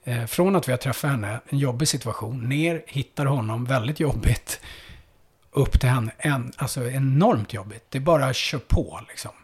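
A man who works as a police officer, recounting a hard call-out in a conversation, halting and full of fillers, dropping low and quiet at the heaviest parts. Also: breathy edge. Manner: halting, with many fillers and restarts.

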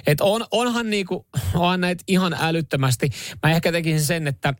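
A talkative man hosts a loose, casual chat, wandering through his points with restarts and easy laughs. His voice sits a little high, and the recording is close and dry, with no room sound. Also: fairly even intonation, dry recording. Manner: chatty, rambling, laughs easily. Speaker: radio show host.

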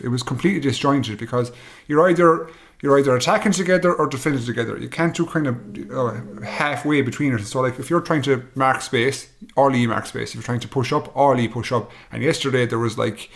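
Fast-talking west of Ireland man. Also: mid-range voice. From Galway, Ireland. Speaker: sports pundit. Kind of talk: casual sports analysis.

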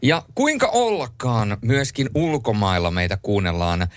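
A man hosting a late-night radio show in a studio, chatting and joking lively and reading listener messages aloud. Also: medium pitch, no room sound. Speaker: radio host. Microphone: studio microphone.

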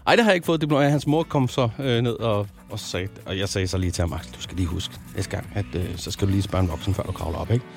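A man's voice: lowish voice, vocal fry, hardly any pauses, soft background music. A man in his thirties from Zealand, a radio host telling a weekend story in casual chat, full of fillers and restarts. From Zealand, Denmark.

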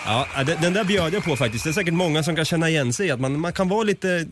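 A man's voice: a little high, animated, a bit bright, a little hiss or hum. A man, co-hosting a podcast and telling a story in casual chat, acting out both sides of the exchange. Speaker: podcast co-host.

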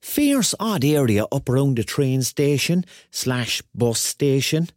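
In a radio drama, an actor plays a rambling, excitable man in his thirties from Cork, Ireland, speaking with a Cork Irish accent. His medium-pitched voice takes things slowly, and his wry, confiding first-person narration and dialogue are colloquial, digressive and conversational.

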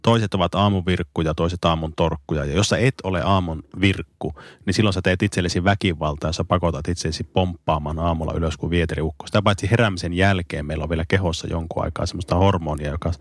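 A man's voice: low-pitched, steady tone, no room sound, studio quality. A man co-hosting a podcast in casual chat, wry and ironic in his remarks. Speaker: podcast co-host.

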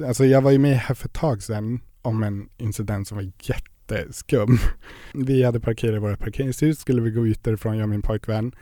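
Chatty young man, dark mellow voice. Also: fairly low pitch, steady tone, no room sound, studio quality. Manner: chatty storytelling with many fillers. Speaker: podcast guest. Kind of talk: casual interview chat.

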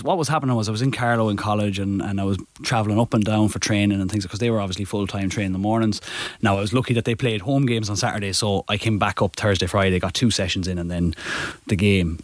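A young Irish man talks through old stories in a relaxed, rambling way, stopping to correct himself and breaking into laughs. His voice sits low, and the sound is dry and close, with no room around it. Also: fast, no echo. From Ireland. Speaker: podcast guest, goalkeeper. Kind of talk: casual storytelling chat.

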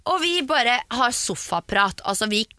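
A young woman chatting on a podcast in a studio, telling a lively story and acting out the quoted lines. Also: a little high, no echo. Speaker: guest. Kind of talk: casual podcast chat.

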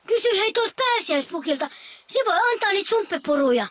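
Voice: very high voice, animated, fairly bright tone. An actor voicing a curious little boy squirrel in a children's audio story, a bit lazy and whiny.

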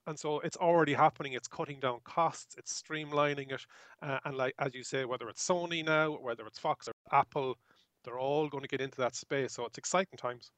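A man's voice: medium pitch, brisk, fairly bright tone, dry recording. A man talking conversationally as a guest electric car reviewer, explaining tech with enthusiasm and voicing little examples.

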